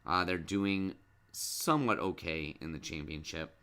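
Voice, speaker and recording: Deep-voiced dad hosting a sports podcast. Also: male voice, unhurried, pushed and bright, clean tone. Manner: patient, coaxing, asks lots of questions. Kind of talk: casual sports chat with his child.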